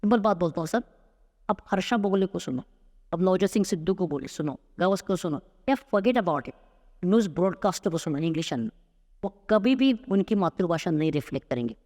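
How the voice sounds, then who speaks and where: A man's voice: sits high, animated, fairly quick, a little mellow. Emphatic man coaching, in a reverberant room. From Maharashtra, India. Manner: emphatic, mixes Hindi and English. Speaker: spoken English coach. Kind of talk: podcast interview answer.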